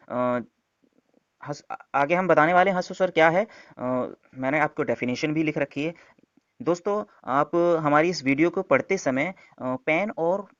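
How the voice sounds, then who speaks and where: A man's voice: a little high, dry recording. A man giving an online exam-prep lesson, explaining step by step and answering his own questions. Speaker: teacher. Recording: dull, dry lo-fi sound.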